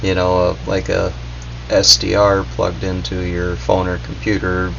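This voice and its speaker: This man speaks at a measured pace in a low, monotone voice that is creaky yet fairly bright. He's doing an informal, unscripted gadget review at a basement workbench, drifting between points hesitantly without committing. Dull audio with a slight background hum.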